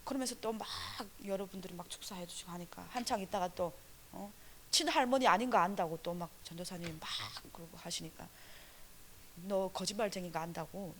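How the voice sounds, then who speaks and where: A woman's voice: fairly low pitch, fast, fairly bright tone, a little hiss or hum. A woman evangelist gives her testimony to a church congregation. She talks earnestly and with animation, packing her story with fillers.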